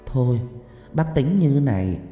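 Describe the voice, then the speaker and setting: A man's voice: medium pitch, expressive, measured pace, dark tone, soft background music, voice pushed up, lightly acted. A grieving older mother, kindly but prone to wailing laments, as a male narrator puts her on. Her voice is raised above his own and drawn out. Long reverb hangs behind it. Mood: gentle.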